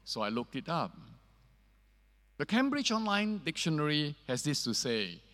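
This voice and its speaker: A man preaching a sermon as pastor, earnest and measured, pausing on fillers, his voice ringing with a long cathedral-like echo. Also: on the high side, sing-song, fairly bright tone. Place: church sanctuary. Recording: echoey church hall reverb.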